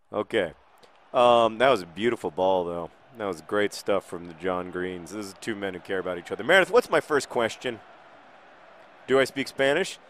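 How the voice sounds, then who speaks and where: A man hosting a casual gaming video, answering viewer questions in a rambling, self-deprecating way while now and then shouting at the match he is playing. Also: lowish voice. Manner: rambling, self-deprecating, dry jokes, sudden shouts at the game.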